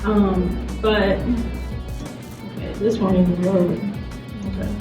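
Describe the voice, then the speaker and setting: This woman's panel talk is casual and conversational, heavy on fillers like "like," with small laughs. She speaks slowly in a mid-range voice with little pitch movement. The recording comes from a roomy, distant mic with loud background music.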